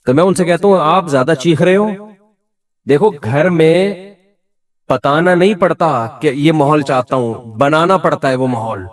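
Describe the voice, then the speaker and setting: A middle-aged man giving a conversational religious lecture with humor, asking his listeners questions and acting out quoted voices. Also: fairly high pitch. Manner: animated, humorous, asks the audience questions; acts out quoted voices within the talk. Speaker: Islamic scholar giving a talk.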